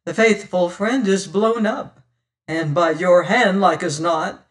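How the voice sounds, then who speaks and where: In a dramatised audiobook reading, a man with a high voice speaks slowly as a bitter, hot-tempered adventurer who accuses and defies in archaic speech. The character is indignant, proud and distrustful, and the mood is stern and accusing.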